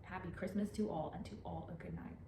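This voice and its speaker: A woman's voice: on the low side, fairly even intonation, quick pace, warm tone, close to an everyday voice. A teenage woman playing a storybook narrator, reciting rhymed Christmas verse in a projected, declamatory way. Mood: storytelling. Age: teens, high school senior. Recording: echoey room, faint background noise.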